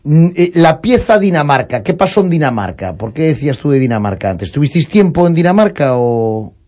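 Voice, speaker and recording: A man's voice: fairly high pitch, very animated, fairly quick, a little mellow. A man with a Galician Spanish accent hosting live radio, chatting informally and often repeating or rephrasing himself. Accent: Spanish from Galicia, Spain. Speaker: radio host.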